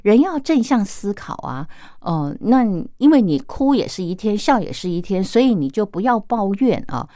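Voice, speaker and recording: A woman's voice: mid-range voice, big pitch swings, moderate pace, warm tone, dry recording, lightly acted. A woman voicing her cousin, a woman lecturing her mother in an insistent tone, recorded dry.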